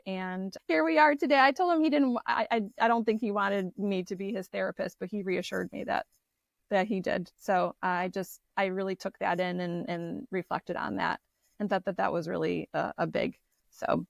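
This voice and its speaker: A woman therapist, a guest in an interview, telling personal stories in a candid, animated way with frequent restarts. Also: medium pitch, normal speed, vocal fry, dry recording. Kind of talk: conversational storytelling interview.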